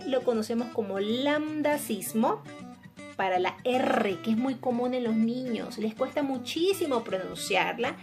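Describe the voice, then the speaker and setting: Patient woman explaining speech disorders. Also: on the high side. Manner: patient, addresses parents directly, asks "¿sí?" to check understanding. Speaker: speech therapist. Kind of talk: educational explainer.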